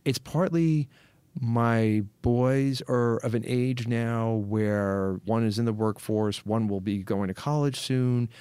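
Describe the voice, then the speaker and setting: A man's voice: mid-range voice, slow pace, darkish tone, smooth, no room sound. A middle-aged man co-hosting a podcast, talking in a reflective, rambling way with frequent restarts. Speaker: podcast co-host. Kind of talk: casual chat.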